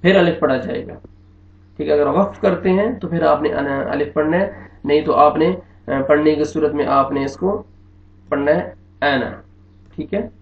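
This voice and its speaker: A Pakistani man with an Urdu accent gives an online Quran recitation lesson, explaining patiently and repeating each word slowly. His voice is slightly high and gravelly. The lo-fi recording sounds dull and picks up room echo.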